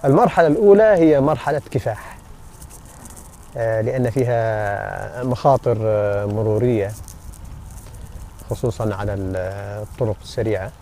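A man in his thirties narrating a cycling vlog in a measured, halting way with pauses, recorded outdoors on a phone. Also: on the low side, expressive, dark tone, a little hiss or hum. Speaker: cycling vlogger. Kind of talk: casual reflective vlog narration. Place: outdoors along open roads and desert at night and dawn. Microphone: phone at arm's length.

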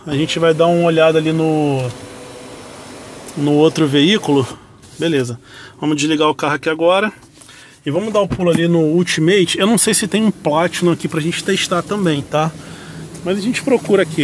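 A Brazilian car reviewer with a brisk, rather high voice films a casual car vlog, musing informally as he looks over cars parked in an outdoor lot. Car sounds and outdoor ambience come through clearly.

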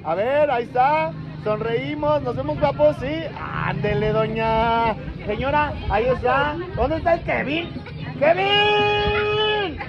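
A man with a Mexican accent working as a party clown in the street, loud and teasing, often shouting jokes at people around him. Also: very high-pitched, slow. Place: outdoors on a busy street. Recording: dull street recording with a loud crowd.

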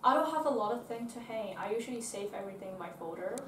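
A young woman from China giving hesitant, halting interview answers in a dorm bedroom. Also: mid-range voice, lively intonation. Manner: hesitant, slow, repeats words. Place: small dormitory bedroom. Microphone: far camera. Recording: roomy, distant, noisy.

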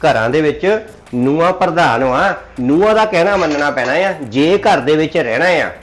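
A man's voice: fairly high pitch, animated, moderate pace, natural voice. A man with a Punjabi accent playing a son who lectures and warns his elderly mother. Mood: lecturing. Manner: lecturing, warning. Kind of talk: family drama acting.

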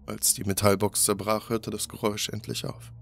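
Low-voiced man narrating a horror story. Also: moderate pace. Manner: steady, grave storytelling. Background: faint music.

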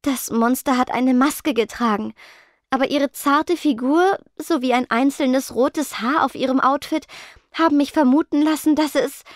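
A woman voicing a shy, nervous teenage ghost girl who speaks softly and stammers. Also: high voice, unhurried, no room sound, studio quality, voice pushed up. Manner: soft, stammering, timid.

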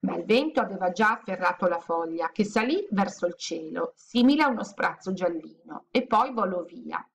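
A woman reading a children's storybook aloud in a gentle, steady storytelling manner. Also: on the low side, moderate pace, vocal fry, few pauses. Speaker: audiobook reader.

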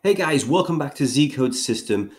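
A man's voice: medium pitch, lively intonation, normal speed. A man hosting a sports betting preview, talking casually with lots of fillers while getting over a head cold. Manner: rambling, filler-heavy delivery. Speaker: sports betting analyst host.

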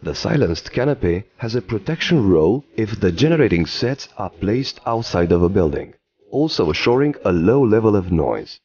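Deep-voiced male documentary narrator. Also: sing-song, moderate pace, a little mellow, slightly rough, dull audio. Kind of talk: scripted narration.

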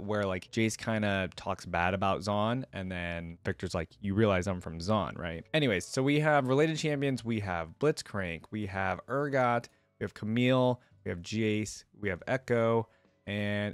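Speaking in a lower register with a dry, roomless sound, this young gaming lore reaction host chats with his audience directly, thinking out loud and reading text as he goes. His setup is an indoor desk with a gaming chair, a headset, and a desk microphone on a stand placed close.

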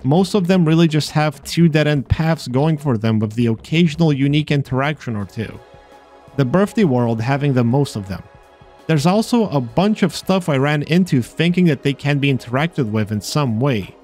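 A man's voice: a little high, expressive, moderate pace, a little mellow. A man narrating a scripted voice-over about a video game, with dry, sarcastic asides. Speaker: video host exploring games. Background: faint game music.

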